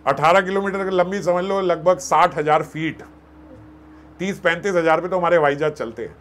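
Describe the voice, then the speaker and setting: A man telling a devotional katha as a sermon, animated, acting out voices and joking with listeners. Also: fairly high pitch. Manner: animated, acts out voices and jokes with the audience. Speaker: katha storyteller.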